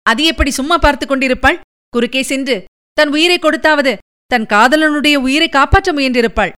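A woman with a high, fairly bright voice reads the part of a composed royal princess in an audiobook. Her delivery is firm, measured, and dignified.

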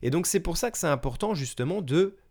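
A man's voice: on the high side, animated, brisk, creaky, a little mellow. A French man hosting a language-learning podcast, talking listeners through practice advice in a friendly, explanatory way with frequent fillers and self-corrections. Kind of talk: solo podcast advice talk. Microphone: podcast microphone.

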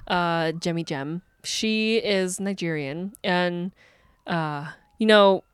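A woman's voice: lowish voice, slow, clear, resonant tone, dry recording. Teasing woman podcast co-host, dry sound. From United States. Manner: teasing, laughing banter. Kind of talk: casual chat.

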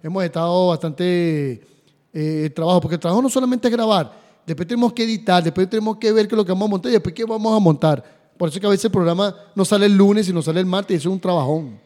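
Sports podcast cohost guy, kinda high voice but mellow, chatty, echoey room. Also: quick pace. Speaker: podcast co-host. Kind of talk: casual chat. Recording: reverberant room.

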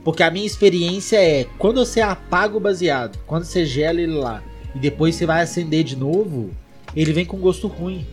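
A relaxed Brazilian man trades slangy jokes on a podcast and laughs easily. Soft music plays faintly behind him. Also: fairly high pitch, brisk. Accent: Brazilian Portuguese. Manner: laid-back slangy banter, laughs often. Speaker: podcast co-host. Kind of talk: casual podcast chat.

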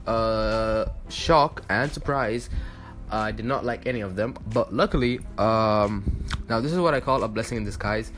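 Young guy rambling to the camera, lots of ums and restarts, lowish voice. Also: a little slow, fairly bright tone, soft background music. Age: 20s. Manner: rambling, filler-heavy, restarts often. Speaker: vlogger. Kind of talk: casual talk to camera.

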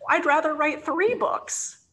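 As an expert guest in a casual conversation, a sales author and publisher gives advice emphatically, often answering her own questions. Her voice is high-pitched, slow and a bit bright, with slight background noise.

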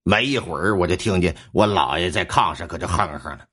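A man telling a ghost story in a colloquial, animated way. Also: sits low, brisk, breathy edge.

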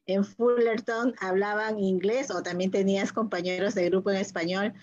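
A woman's voice: mid-range voice, steady tone, normal speed. A woman hosting an interview podcast, listening closely, affirming her guest and asking reflective questions. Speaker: podcast host. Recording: dull lo-fi online call audio.

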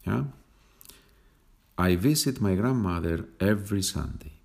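A man hosting a podcast lesson, patiently explaining Spanish phrases in English and repeating them slowly. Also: sits low, lively intonation, creaky, a little mellow, husky. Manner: slow, patient, explains with small laughs and repeats. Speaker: Spanish teacher, podcast host. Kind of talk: slow bilingual language lesson.

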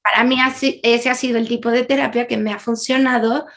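A woman's voice: a little high, steady tone, brisk, a bit bright. A woman, a guest in an interview, telling a personal story in an earnest, candid way with frequent laughs and fillers.

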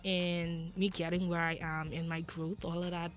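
Young Bahamian woman, low-voiced, earnest. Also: little pitch movement, normal speed. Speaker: guest singer. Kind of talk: interview answers. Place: radio studio.

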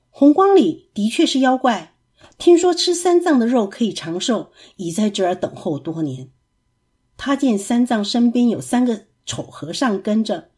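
A woman narrating a classic tale for children in a lively, expressive storybook reading. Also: medium pitch, slightly rough.

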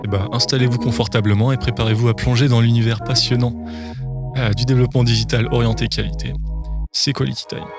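A man's voice: mid-range voice, fairly even intonation, fast talker. Male podcast host over music. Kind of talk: casual podcast hosting. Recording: prominent music behind the voice.

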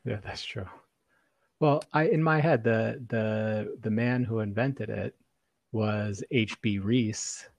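A man's voice: on the low side, slow, creaky, dry recording. A man in a casual chat, easygoing and rambling, often restarting his sentences. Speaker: podcast co-host.

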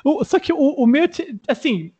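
A man's voice: very high voice, lively intonation, moderate pace, darkish tone. A man with a Brazilian accent, a streamer hosting his own channel, chatting casually in a loose, slangy and profane way. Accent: Brazilian Portuguese. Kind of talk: casual chat.

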